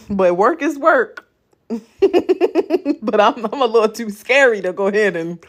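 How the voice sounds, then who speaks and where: A woman's voice: a little high, expressive, slow pace. A woman from West Baltimore with a Baltimore accent, hosting a casual question-and-answer vlog in a blunt, profane, streetwise way. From Baltimore, West Side. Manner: chatty, loops back with "okay?" and "you know what I'm saying". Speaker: host answering viewer questions.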